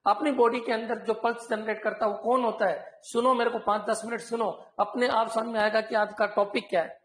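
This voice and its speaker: A man teaching an online computer class, repeating key points and often asking his students whether it is clear. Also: sits high, roomy sound, low-quality recording. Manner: repetitive, keeps checking "clear?" with students.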